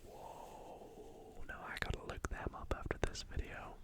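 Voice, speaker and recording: A woman whispering facts slowly for ASMR, breaking off into chatty asides about what she reads. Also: low-quality recording. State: sleepy, yawning. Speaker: ASMR creator. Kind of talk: whispered ASMR fact reading.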